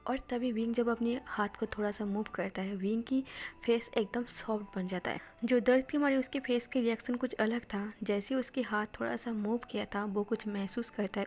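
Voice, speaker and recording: A woman reading a fan-fiction story aloud, her narration soft and often half-whispered. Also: mid-range voice.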